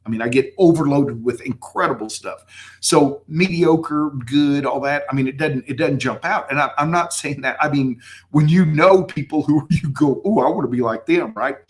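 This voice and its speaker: A man hosts a casual livestream in a West Texas twang. His speech is a little slurred and his pitch sits in the middle. He talks emphatically and effusively. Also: fairly quick. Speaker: livestream host and photographer.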